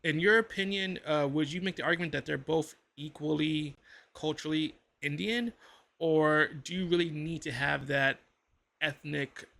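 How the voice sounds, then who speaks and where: A man's voice: fairly high pitch, normal speed, creaky, pushed and bright. A man hosting a reaction video, musing aloud in casual commentary with lots of fillers and restarts.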